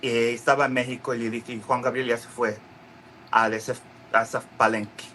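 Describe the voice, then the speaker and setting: Halting man with a bright voice. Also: mid-range voice, level tone, a little hiss or hum, poor audio. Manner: halting, many restarts and fillers, acts out quoted voices. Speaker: interview guest. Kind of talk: casual storytelling interview.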